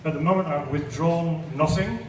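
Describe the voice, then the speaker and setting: A retired older man from Britain giving a measured testimonial speech at an event, with dry, wry asides. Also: on the high side, fairly even intonation, a little mellow. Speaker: event speaker. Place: large event hall. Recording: echoey hall, distant mic, noisy.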